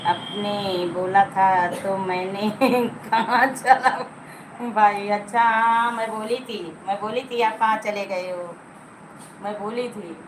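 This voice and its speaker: Slow-talking woman hosting a noisy live stream. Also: medium pitch, steady tone. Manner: chatty, teasing, coaxing viewers to like and comment. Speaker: livestream host. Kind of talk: casual live-stream chat with viewers.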